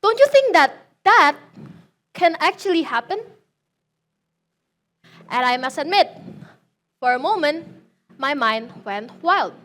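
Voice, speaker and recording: Teen girl student, high voice, delivering a prepared thesis speech with dramatic flair. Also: fairly bright tone. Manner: dramatic, rhetorical questions. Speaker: student defending a senior thesis.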